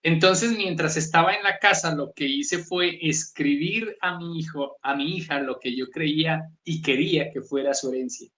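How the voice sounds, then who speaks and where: This man, a guest author with the Pasto accent of Nariño, southern Colombia, sounds pushed and bright in a reverberant space. He talks at normal speed with hardly any pauses, thoughtful and reflective, his pitch varied, often asking "¿sí?" during the interview.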